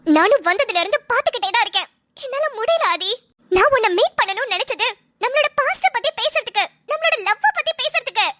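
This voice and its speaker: A woman's voice: very high voice, expressive, fairly quick, bright, forceful tone, full character voice. A woman voicing a jealous young ex-girlfriend in a cartoon, whiny and pleading. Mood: complaining. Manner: whiny, pleading, self-pitying. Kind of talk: cartoon dialogue.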